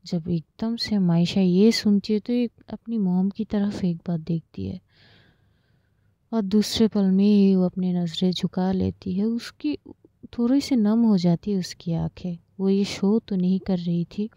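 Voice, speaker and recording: A woman's voice: medium pitch, a little slow, mellow, no echo. A woman narrating a romance story in a casual, plain way, with many fillers. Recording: slightly dull lo-fi recording.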